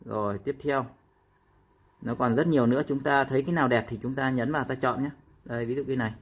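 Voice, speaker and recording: A man explaining a phone app step by step in a casual tutorial, with frequent pauses and fillers. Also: medium pitch, steady tone, a little hiss or hum.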